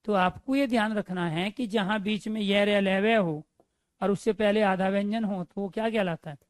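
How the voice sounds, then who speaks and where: A woman's voice: mid-range voice, moderate pace, dry recording. A woman teaching a grammar lesson, asking questions and answering them herself.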